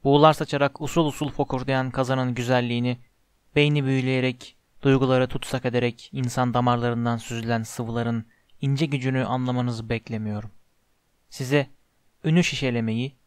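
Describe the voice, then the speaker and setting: A cold, scornful potions master speaks low and quiet, each word laced with contempt, as a male audiobook narrator puts him on. The voice sits well below the reader's own pitch and comes through dry and close, with no room around it. His drawl is slow and menacing in this storybook reading. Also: clear, resonant tone, no room sound, close to an everyday voice.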